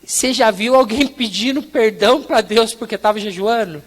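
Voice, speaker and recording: High-voiced Brazilian preacher in echoing hall. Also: male voice, moderate pace. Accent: Brazilian Portuguese. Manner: animated storytelling, acts out dialogue with God and his wife. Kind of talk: sermon with storytelling. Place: large church hall. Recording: reverberant church hall.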